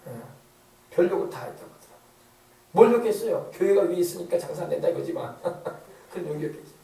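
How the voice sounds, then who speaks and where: A man's voice: high-pitched, big pitch swings, a little fast, mellow. Emphatic preaching man in an echoey church. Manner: rhetorical questions, emphatic repetition. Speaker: pastor. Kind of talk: sermon. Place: church sanctuary. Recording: echoey church hall, distant mic.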